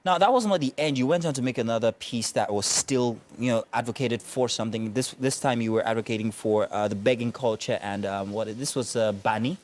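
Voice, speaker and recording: Man, interview host, conversational, echoes answers, mid-range pitch. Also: fairly quick, hardly any pauses. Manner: conversational, prompting with mm-hmms, restates answers. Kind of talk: interview questions.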